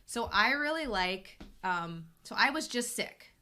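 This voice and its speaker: Hosting a relaxed live question-and-answer session, this health coach talks chattily and rambles, often restarting, her voice not yet recovered from an illness. Her mid-range voice is expressive, unhurried, bright, and forceful.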